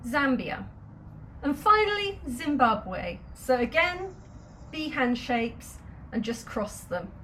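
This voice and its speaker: High, lively woman teaching slowly. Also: a little hiss or hum. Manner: patient, step-by-step explanations with light laughs. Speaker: sign language teacher. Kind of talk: instructional video lesson.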